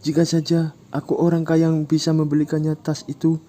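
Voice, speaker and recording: A man voicing a nervous, hapless young man in a comic recap, pleading in a high, strained voice. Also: completely flat delivery, fairly quick, dark tone, close to an everyday voice. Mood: despairing.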